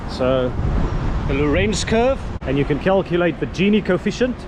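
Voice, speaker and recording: A South African travel vlogger in his thirties who speaks Afrikaans walks a sunny suburban street, chatting and musing aloud in walking-tour commentary while filming himself at arm's length. His voice is a little high and expressive at a normal speed, and loud street traffic fills the recording.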